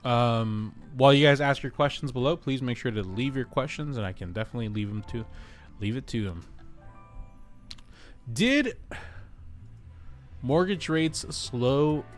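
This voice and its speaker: A man's voice: mid-range voice, lively intonation, measured pace, long pauses, faint music behind. A man hosting a casual real estate livestream, joking and chatty as he reads viewer comments aloud.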